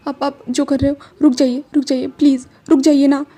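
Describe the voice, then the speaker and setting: A woman voicing a tearful young man who pleads and stammers, in a higher, louder voice than her own, in a fan-fiction audio story. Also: fairly even intonation, fast, slightly rough. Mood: tearful pleading.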